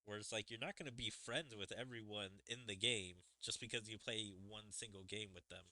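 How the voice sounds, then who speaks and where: A man's voice: fairly low pitch, normal speed, bright, forceful tone, no echo. A man reacting to a video in a casual, rambling way, filling his speech with "like". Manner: rambling, lots of "like" fillers. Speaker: reaction streamer.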